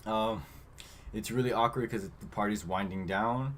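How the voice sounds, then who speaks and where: A man's voice: fairly low pitch, normal speed, slight background noise. A man co-hosting a podcast, casually retelling a movie plot with lots of "like" and loosely acted-out quotes. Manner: retells scenes loosely, acting out quotes with filler words. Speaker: podcast co-host. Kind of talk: casual movie recap chat.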